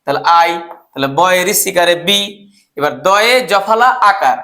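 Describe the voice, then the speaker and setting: A man's voice: high voice, lively intonation, moderate pace, bright, forceful tone. A man teaching English spelling, asking and answering his own questions as he spells words out letter by letter. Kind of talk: explaining spelling step by step.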